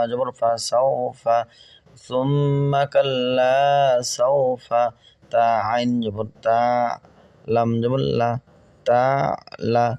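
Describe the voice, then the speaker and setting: Here a man of medium pitch with a dark, clean tone, captured in a dry recording, guides learners through Quran reading. His method is slow and patient: each word is spelled out letter by letter, and then he recites the verse with melody.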